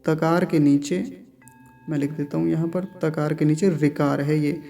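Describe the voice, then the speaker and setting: A man's voice: a little high, steady tone, unhurried, vocal fry, mellow, soft background music. A man teaching Sanskrit mantra pronunciation, patiently repeating each syllable and explaining sounds carefully.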